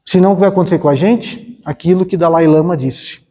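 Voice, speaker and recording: A Brazilian man with a fairly high yet mellow voice gives a conversational spiritist lecture, slipping into short acted-out exchanges and questions to the room. His voice rings with a long reverb, and the recording sounds dull and lo-fi. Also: fast. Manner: conversational, acts out little dialogues, asks the audience questions. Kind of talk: informal spiritist talk. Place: spiritist center hall.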